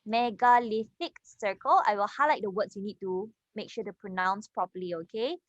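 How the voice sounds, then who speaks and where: A woman's voice: medium pitch, fairly quick, dry recording, dull audio. A woman with a Singaporean English accent teaching an English reading class, explaining step by step and checking in with her students. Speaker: English tutor. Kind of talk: online class lesson.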